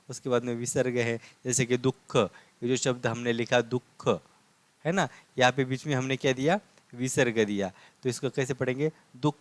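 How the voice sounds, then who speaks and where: A man's voice: medium pitch, no room sound. A man teaching a language lesson, patiently repeating points and answering his own questions. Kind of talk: classroom lesson explaining script.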